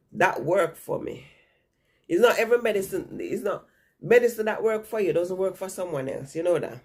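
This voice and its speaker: A woman with a deep, darkish, husky and gravelly voice chats to her vlog viewers through a stuffy nose from a cold. Her talk is casual and rambling, and she repeats herself often.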